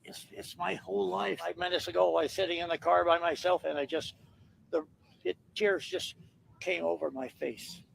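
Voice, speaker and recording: A man in his nineties, a fire victim in a news interview, halting and repeating words, close to tears. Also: sits high, steady tone, creaky, slight background noise, rough recording. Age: 90s.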